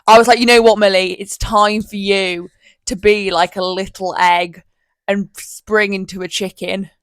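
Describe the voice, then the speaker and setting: A woman's voice: mid-range voice, steady tone, measured pace, no room sound. A woman in her twenties with a Northern English accent, co-hosting a casual podcast chat, teasing and blurting out interruptions. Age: 20s. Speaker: podcast co-host. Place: room with an open window.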